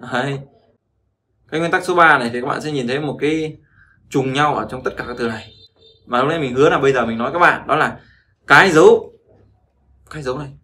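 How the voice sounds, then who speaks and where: A man's voice: mid-range voice, sharp tone, a little hiss or hum. A man teaching Chinese pronunciation, repeating words after a recording and explaining them. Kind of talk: pronunciation lesson.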